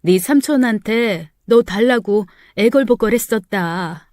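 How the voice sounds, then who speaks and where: A woman voicing a gentle middle-aged mother who speaks softly and apologetically in a story. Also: on the high side, animated, a little slow, dry recording, clean studio sound, pitched above the performer's own voice. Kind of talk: storytelling narration.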